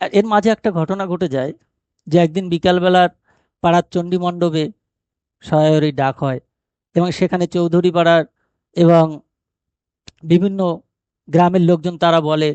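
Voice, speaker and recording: Explaining a short story like a teacher, a man poses questions only to answer them himself. He sits high in pitch with a darkish tone, and there's no room sound.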